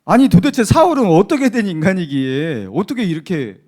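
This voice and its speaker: Male pastor, emphatic Sunday sermon voice, pitched high with lively rises and falls. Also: fairly quick. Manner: emphatic preaching with rhetorical questions to the congregation.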